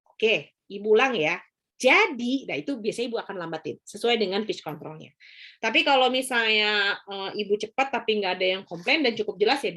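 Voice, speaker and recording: A woman lecturer with a mid-range, slightly bright voice explains things to her students in a casual, chatty way. She uses lots of fillers and asks frequent rhetorical questions.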